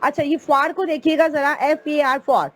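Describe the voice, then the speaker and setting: A woman's voice: high-pitched, fairly even intonation, a little slow, a little hiss or hum. A woman teaching an online English grammar class, explaining patiently step by step and calling her students "beta".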